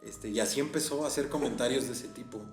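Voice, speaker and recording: A man's voice: medium pitch, fast. Mexican man telling a spooky story. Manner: animated, laughs often, frequent "¿no?" tags. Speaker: podcast guest teacher. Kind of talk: casual storytelling. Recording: echoey room, faint music.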